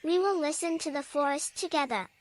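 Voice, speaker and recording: A high, childlike voice acts out a gentle, curious little forest animal in bedtime story dialogue between young animal friends, a slow snail and its companion. It's lightly acted and fairly quick, with a little hiss or hum over birdsong and forest ambience.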